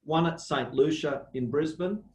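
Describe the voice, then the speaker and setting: A man with an Australian accent giving a slow, measured guest lecture over a video call, pausing often with ums. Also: a little high, darkish tone, reverberant, slight background noise, low-quality recording. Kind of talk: online academic lecture.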